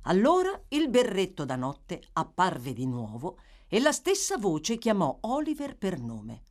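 Brief: woman narrator, literary audiobook, lively melodic reading. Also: on the low side. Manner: expressive, measured storytelling.

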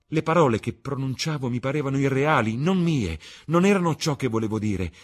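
A man's voice: mid-range voice, expressive, brisk, voice pushed up, lightly acted. A man voicing a young woman actress who speaks in an ecstatic, lyrical way, in a storybook reading. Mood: rapturous.

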